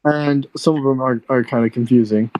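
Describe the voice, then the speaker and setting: A man's voice: medium pitch, fairly even intonation, normal speed, a little mellow, no room sound, low-quality recording. Man's voice cutting out on a bad call. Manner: rambling, lots of "like" fillers. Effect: voice cutting out over a bad call connection. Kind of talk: casual chat.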